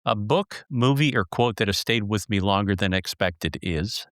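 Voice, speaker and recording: Man, podcast host, lowish voice, dry sound, playful, joking, storytelling. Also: normal speed, a bit bright, no echo. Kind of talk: conversational interview.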